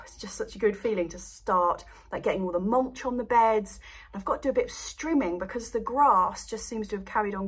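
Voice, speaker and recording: Her medium-pitched voice is a bit bright with a breathy edge. This young English allotment vlogger talks casually to camera indoors by a seedling light box, meandering through the topic and laughing a lot.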